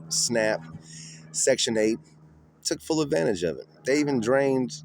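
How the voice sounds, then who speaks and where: A man's voice: mid-range voice, a little mellow, a little hiss or hum. A man ranting outdoors in the cold, giving profane, combative and mocking political commentary. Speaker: political vlogger.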